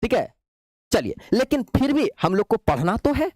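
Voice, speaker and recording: Lively male teacher. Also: very high voice, normal speed, no echo. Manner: playful, repetitive, coaxing students with "babu". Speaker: chemistry teacher. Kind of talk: classroom lecture.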